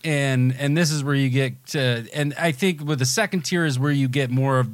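A man's voice: mid-range voice, moderate pace, no echo. Chatty man with a dry sound. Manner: rambling, enthusiastic, restarts often. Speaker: podcast co-host. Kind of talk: casual chat.

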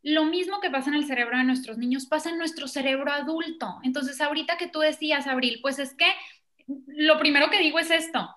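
Woman, parenting expert; high, bright voice, animated explainer. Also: fairly quick. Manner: animated, acts out children and parents in quoted voices. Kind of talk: explanatory conversation.

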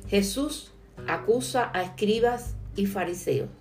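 A woman's voice: mid-range voice, animated, measured pace, darkish tone, faint music behind. A woman giving an earnest devotional sermon, reading scripture and asking the listener direct questions. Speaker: preacher.

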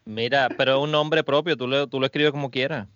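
A man's voice: mid-range voice, fairly even intonation, brisk, a bit bright, no room sound, muffled recording. Opinionated Puerto Rican man on a podcast. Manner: opinionated, gives advice. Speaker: podcast co-host. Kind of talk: casual chat.

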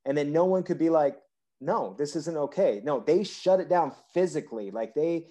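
A man's voice: a little high, moderate pace. A man hosting a podcast, chatting casually about politics in a rambling way full of fillers. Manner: rambling, animated, frequent "like" fillers. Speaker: podcast host.

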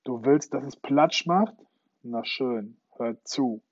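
Male narrator doing an angry, threatening pirate captain; loud and husky, lo-fi sound. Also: mid-range voice, measured pace, dry recording. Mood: thundering. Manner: roaring, threatening. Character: snarling, hot-tempered pirate captain, adult man. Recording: dull lo-fi recording.

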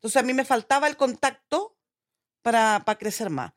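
A middle-aged woman with a Chilean accent, chatting with her family and telling animated stories. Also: on the high side, normal speed. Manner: animated storyteller, acts out her own inner voice. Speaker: mother and co-host. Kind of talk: casual family chat.

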